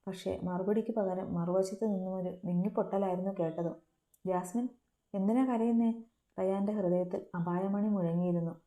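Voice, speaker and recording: A woman's voice: on the low side, flat delivery, a little fast, hardly any pauses, warm tone. A woman narrating a romance story with a dramatic, emotive reading. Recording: roomy echo.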